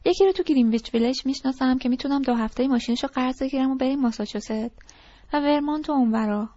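A woman's voice: high-pitched, mellow, no room sound, lightly acted. A woman voicing a disgruntled teenage boy who rambles through complaints and pleads eagerly, in an audiobook reading. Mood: eager, pleading. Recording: dull lo-fi recording.

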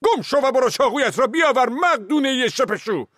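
A man voicing a huge, hot-tempered male villager who shouts threats and hisses with rage in an audiobook. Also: fairly high pitch, sing-song, dry recording, studio quality, pitched above the performer's own voice. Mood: raging. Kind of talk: audiobook character voice.

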